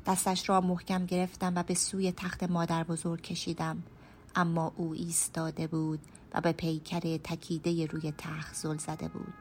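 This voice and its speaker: A woman storyteller narrating a first-person radio story in a hushed, measured way, sometimes dropping to a whisper. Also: lowish voice, completely flat delivery, slight background noise. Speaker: storyteller and writer.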